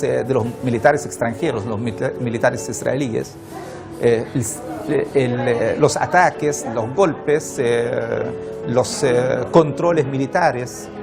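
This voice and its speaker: A man from Palestine giving interview testimony in a documentary, halting and full of fillers, with music underneath. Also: medium pitch, gravelly.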